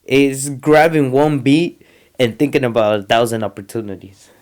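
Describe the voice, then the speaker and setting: Smooth-voiced laid-back man chatting. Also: medium pitch, moderate pace, darkish tone. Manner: laid-back slang, often says "you feel me", slips into Spanish. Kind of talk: casual chat.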